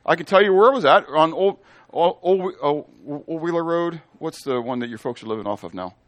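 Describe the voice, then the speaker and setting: A man preaching in a relaxed, conversational way, his voice sitting a little high for a man. He is excitable, keeps checking in with the room, and is recorded close and dry with almost no room sound. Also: brisk, no echo. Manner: chatty, excitable, keeps asking "okay?". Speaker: pastor. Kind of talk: casual sermon.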